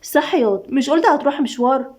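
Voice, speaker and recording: A woman playing a teasing Egyptian young wife, fast and high, dull lo-fi sound. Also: a little mellow, lightly acted. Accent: Egyptian Arabic. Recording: dull lo-fi recording.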